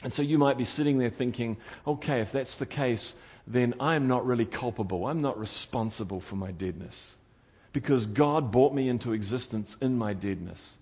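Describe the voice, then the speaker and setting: Speaking at a normal pace in a mid-range voice with a breathy edge, a New Zealander preaches in his native accent. The sermon is earnest and pleading, rising to loud urgency before falling to quiet intensity.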